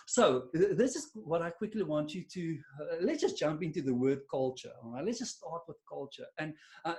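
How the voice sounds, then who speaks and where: A man with a high, slightly mellow voice and an Afrikaans South African accent runs an online webinar by video call for a silent audience. He comes across as chatty and self-deprecating, restarting often and using many fillers.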